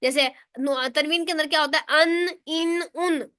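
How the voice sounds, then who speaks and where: A woman's voice: high-pitched, fairly even intonation, a little slow, a bit bright, dry recording, studio quality. A woman teaching a recitation lesson online in speech, explaining step by step and answering her own questions.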